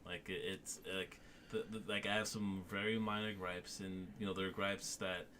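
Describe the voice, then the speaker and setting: Casual film-chat co-host, man, lowish voice, rambling delivery, faint noise behind. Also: level tone, normal speed, bright, forceful tone. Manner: rambling, many restarts, crude jokes.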